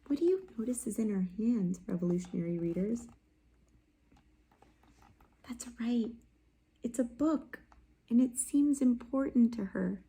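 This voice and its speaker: With a high-pitched voice, this woman reads a picture book aloud to children, performing it expressively close to the microphone. Now and then she pauses to quiz her listeners, and at times her voice sinks to a soft whisper.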